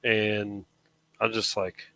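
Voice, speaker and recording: A man's voice: lowish voice, little pitch movement, slow, vocal fry, bright, forceful tone, poor audio. A man in his thirties chatting casually on a live show, rambling with frequent restarts. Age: 30s. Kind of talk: casual chat.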